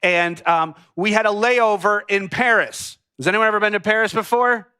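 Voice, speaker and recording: A pastor in his thirties from the United States preaches in a high, bright, clean-toned voice at normal speed. His sermon is full of jokes and asides, opening with a personal story to the congregation before the teaching, and he sounds lively, speaking straight to the room.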